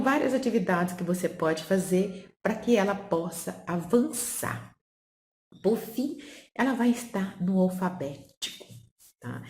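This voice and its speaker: Lady teaching, kinda low voice, asks stuff then answers it, echoey room w faint hiss. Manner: explanatory, asks and answers own questions. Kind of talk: teaching lesson on literacy.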